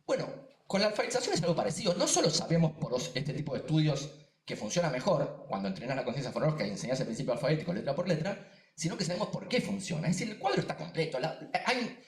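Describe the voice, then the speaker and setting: A quick-talking man with a Rioplatense accent lectures at a seminar, his fairly high voice swinging widely as he hammers his points with repetitions and asides. The sound carries the echo of a roomy space. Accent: Rioplatense Spanish. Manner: emphatic, animated, quick, with many asides and repetitions. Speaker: neuroscientist and science communicator giving a talk. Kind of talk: lively seminar talk. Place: lecture room.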